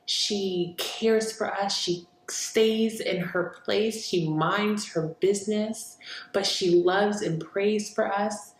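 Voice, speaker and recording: In an echoey room, a woman vlogger tells a personal story in a casual monologue, speaking openly and earnestly about her faith. Her medium-pitched voice is steady and slow.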